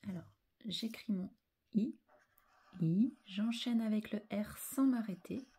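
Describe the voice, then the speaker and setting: A woman with a mellow, somewhat husky, medium-pitched voice takes it slowly as she helps young children write syllables in a handwriting lesson. She dwells on every sound and often slips into a gentle half-whisper while spelling each letter.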